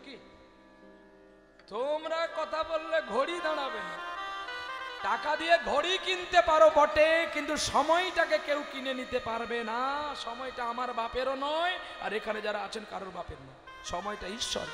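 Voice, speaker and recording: A man leads a devotional kirtan sermon, telling stories dramatically and speaking straight to the crowd. His voice sits very high. It echoes through a big hall with music playing behind. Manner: dramatic, animated, addresses the audience directly. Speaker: kirtan singer and preacher. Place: live devotional gathering.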